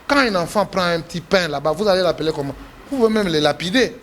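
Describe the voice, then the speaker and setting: Speaking French with a Congolese accent, a politician guest from the Democratic Republic of the Congo talks animatedly and quickly in an interview, stressing and repeating his arguments. When indignant, his pitch leaps upward. A bit of hiss or hum is present.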